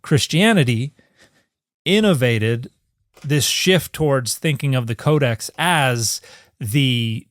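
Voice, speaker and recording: A man co-hosting a podcast who explains things casually, slowing down on key points and chuckling often. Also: medium pitch, animated, no room sound. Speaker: podcast co-host, biblical scholar. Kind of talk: casual conversational podcast chat.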